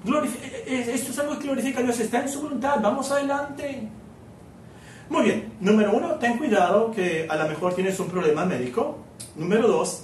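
A man's voice: sits high, reverberant, distant mic, slight background noise. A man preaching a sermon with many fillers, asking the congregation questions.

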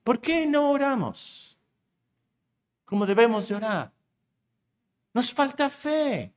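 A man preaching as pastor, emphatic, repeating key words and rising to near shouts. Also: extremely high pitch, very animated, slow. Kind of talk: sermon.

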